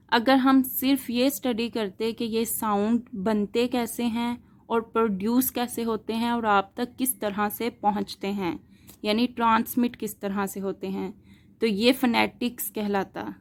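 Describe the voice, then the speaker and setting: Slow, deliberate woman teaching linguistics. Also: a little high, a little mellow. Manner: slow, deliberate, spells out examples letter by letter; asks the listener questions and answers them. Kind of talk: explanatory lecture.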